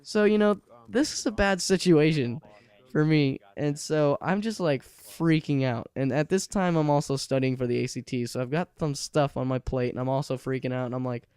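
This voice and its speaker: Teen guy gamer at his computer, chatty and rambling, warm smooth tone. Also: on the high side, normal speed, dry recording. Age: late teens. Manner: rambling, chatty, laughs often. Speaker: gaming channel host. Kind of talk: casual gameplay commentary. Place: alone at home by his computer.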